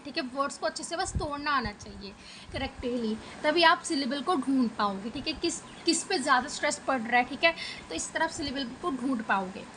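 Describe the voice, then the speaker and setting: A woman teacher with a high, bright voice and an Indian English accent teaches an exam-prep lesson. She explains each point step by step, often checking in with "okay". There is faint noise behind her voice. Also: poor audio. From Punjab, India.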